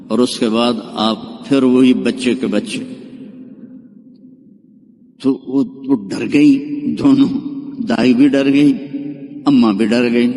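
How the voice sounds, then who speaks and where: A man preaching a storytelling sermon, asking the audience questions and slowing into sing-song recitation. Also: mid-range voice, darkish tone. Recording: long hall reverb.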